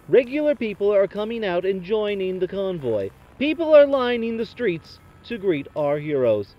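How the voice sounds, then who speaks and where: A man doing a deadpan comedy bit as a trucker talking over a CB radio, full of radio lingo. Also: on the high side, lo-fi sound, slight background noise.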